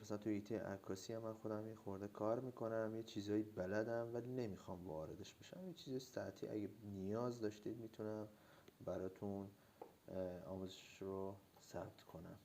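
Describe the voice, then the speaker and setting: A man with a slightly hoarse voice teaching drawing in a relaxed, step-by-step way, with frequent filler pauses. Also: on the low side. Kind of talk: casual tutorial narration.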